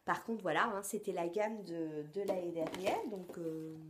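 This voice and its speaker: A woman beauty vlogger in a casual product review, talking straight to her viewers and often pausing to search for words. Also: lowish voice, fairly even intonation, background noise. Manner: hesitant, frequent filler sounds and restarts; chatty, addresses viewers directly.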